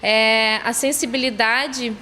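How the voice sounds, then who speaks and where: A woman's voice: fairly high pitch, fairly even intonation, slow, pushed and bright, in a large hall, slight background noise. A woman, a teacher explaining her school's work in an interview, tagging her sentences. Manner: explanatory, uses tag question "né". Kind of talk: interview soundbite.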